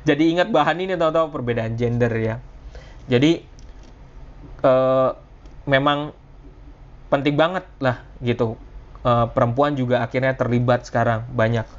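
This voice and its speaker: A man's voice: medium pitch, moderate pace, long pauses. A man giving a live online lecture in a loose, conversational way, full of fillers and restarts. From Indonesia. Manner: casual, conversational teaching with frequent fillers and restarts. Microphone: video call. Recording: dull lo-fi video call audio.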